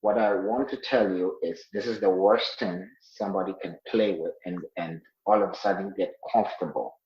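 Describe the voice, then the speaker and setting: A man's voice: deep voice, fairly even intonation, normal speed. A man, a health care worker telling of his own illness in earnest, with many fillers and restarts. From Ghana. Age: 40s. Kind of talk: interview, personal account. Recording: roomy, dull sounding line.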